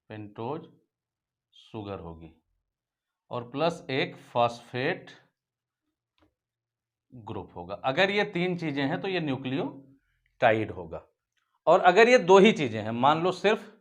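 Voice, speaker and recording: A man teaching a biology class, asking his own questions and answering them, and often calling the students "beta". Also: mid-range voice. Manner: repeats key points as questions and answers them; addresses students fondly as "beta". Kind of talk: whiteboard lecture for school students.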